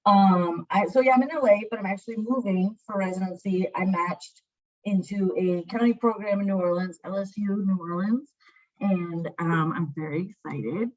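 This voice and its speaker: A woman's voice: medium pitch, normal speed, darkish tone. A young woman in her twenties, a panelist talking in a chatty, casual way with lots of "like". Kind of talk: casual chat. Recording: dull lo-fi audio.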